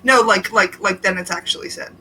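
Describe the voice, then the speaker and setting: A woman's voice: mid-range voice, fairly quick, pushed and bright, slight background noise, rough recording. Laid-back young woman, hesitant speech. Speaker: guest, vet tech. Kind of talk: casual chat.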